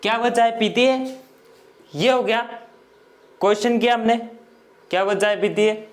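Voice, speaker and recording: A man's voice: high-pitched, fairly even intonation. A man teaching English grammar in Hindi, explaining step by step and often checking that students follow. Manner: slow, repetitive explaining with frequent checks.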